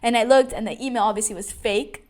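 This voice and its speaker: A woman's voice: a little high, steady tone, fast. A young adult woman telling a personal story in a casual vlog, chatty, with many fillers and restarts. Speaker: vlogger.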